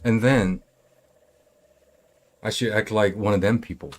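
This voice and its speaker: A young man from South Korea with a Korean accent talks in English, his second language. His voice sits very low, and his plainspoken casual chat is hesitant, full of restarts. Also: fairly even intonation, a little slow.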